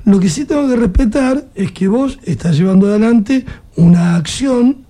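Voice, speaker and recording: A man's voice: high voice, animated, normal speed, mellow. An Argentine man hosting an interview, thinking aloud and asking pointed questions.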